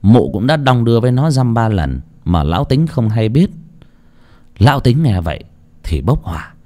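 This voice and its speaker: A man narrating an audiobook story with an expressive delivery. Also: mid-range voice, moderate pace.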